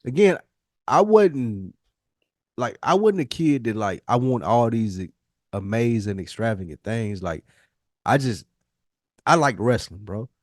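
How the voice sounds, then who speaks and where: A podcast co-host in his forties tells personal stories in casual chat, slangy and profane, repeating phrases for emphasis. His mid-range voice is expressive and unhurried with long pauses, recorded dry and close with no room sound.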